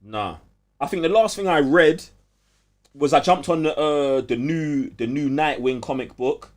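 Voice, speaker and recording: A young London-accented man co-hosts a podcast, telling animated, emphatic stories in heavy street slang. His voice is a little high and his pace measured.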